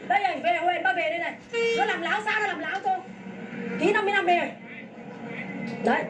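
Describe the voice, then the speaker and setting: A woman's voice: very high-pitched, steady tone, fast talker. A woman from Vietnam, a farmer making an angry public complaint in a fierce, scolding, repetitive tirade. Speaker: farmer protesting land seizure. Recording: echoey, from far off the mic.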